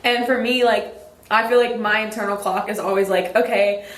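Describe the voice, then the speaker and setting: A woman's voice: mid-range voice, fairly even intonation, fairly quick, a bit bright, echoey room. A young woman, hosting a podcast in a casual, rambling chat full of "like". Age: young adult. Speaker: podcast host.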